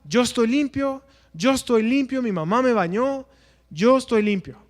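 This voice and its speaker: A man's voice: extremely high pitch, animated, normal speed, big-room sound, voice pushed up. A man voicing a pleading little boy.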